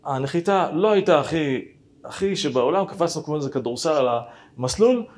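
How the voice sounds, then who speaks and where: A rabbi telling a personal story to listeners, animated and speaking to them directly. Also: male voice, fairly high pitch. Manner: animated, acts out dialogue, addresses listeners directly.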